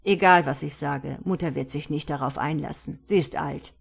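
A woman's voice: low voice, normal speed, gravelly, husky, voice pushed down, full character voice. Woman doing Bodo, a sonorous scheming man. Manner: stern and decisive. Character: middle-aged man, sonorous, scheming, firm.

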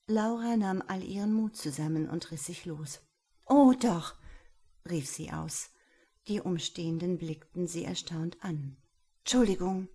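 A woman narrates a story in a calm, measured way. Her voice is dark and husky. She reads slowly. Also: on the low side. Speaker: audiobook narrator. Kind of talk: scripted narration.

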